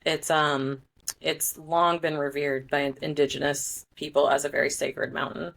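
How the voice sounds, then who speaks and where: Low-pitched lady chatting casually on a podcast, lots of ums and little laughs. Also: flat delivery, unhurried, gravelly, a bit bright. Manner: chatty, laughs often, filler-heavy. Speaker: guest author and oracle.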